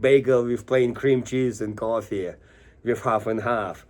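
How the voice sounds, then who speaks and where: A middle-aged man from Moscow with a Russian accent tells informal anecdotes as an interview guest, acting out quoted dialogue in a casual conversational style. His mid-range voice is steady and unhurried, with a little hiss or hum on the recording.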